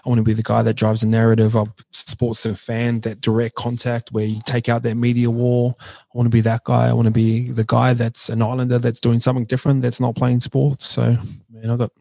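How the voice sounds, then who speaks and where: Man, broad Kiwi accent, rapid pace, informal slangy interview talk, dry recording. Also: mid-range voice, completely flat delivery, gravelly, dark tone, no echo. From New Zealand. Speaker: podcast guest, entrepreneur. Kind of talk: casual interview chat.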